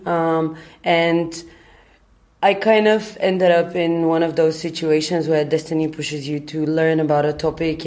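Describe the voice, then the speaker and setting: A Bulgarian startup founder in her thirties answers interview questions thoughtfully, often pausing with ums and uhs. Her voice is low and a little mellow.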